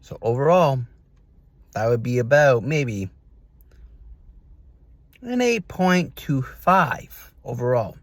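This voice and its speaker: A man hosting a casual taste-test review vlog, speaking to camera in short, halting phrases. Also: medium pitch, very animated, no room sound.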